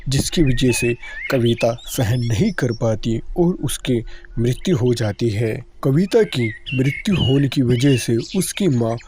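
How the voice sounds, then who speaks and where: A man narrating a cartoon story for children in a plain, steady storytelling voice. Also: medium pitch, slow, noisy background. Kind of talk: scripted narration.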